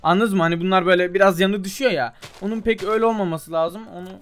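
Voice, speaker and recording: A young male gaming YouTuber talks casually and chattily while he plays, muttering to himself as he tries things and speaking directly to his viewers, whom he calls "abi" and "gençler." His voice sits high and sounds a bit bright, with fairly even intonation and a racing pace.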